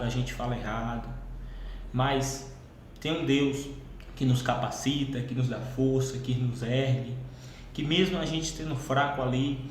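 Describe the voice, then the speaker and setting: A man who exhorts a Bible study group in a repetitive, insistent way and keeps addressing them as brothers. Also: medium pitch. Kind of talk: preaching-style exhortation. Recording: very echoey room, faint background hum.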